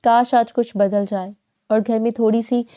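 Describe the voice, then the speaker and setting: A woman narrating a family story in an even, scripted storytelling read. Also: on the high side.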